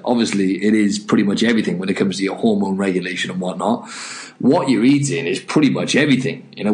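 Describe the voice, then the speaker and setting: A man hosting a casual solo podcast in an informal, candid, joking way, talking straight into a laptop microphone. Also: on the low side. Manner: informal, candid, jokey and self-mocking. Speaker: podcast host. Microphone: built-in laptop microphone instead of headset.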